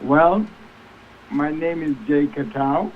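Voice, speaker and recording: Over a noisy, tinny phone line, an eighty-something man from Tanzania in East Africa talks conversationally as an interview guest. He is a reflexology practitioner, and his voice is fairly high and slow.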